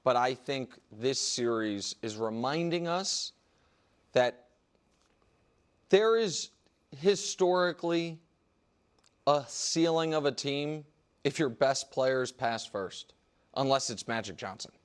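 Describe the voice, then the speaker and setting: A man hosting a studio sports debate, arguing his point with quick restarts and energy. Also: mid-range voice, clear, resonant tone. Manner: animated, argumentative, quick restarts.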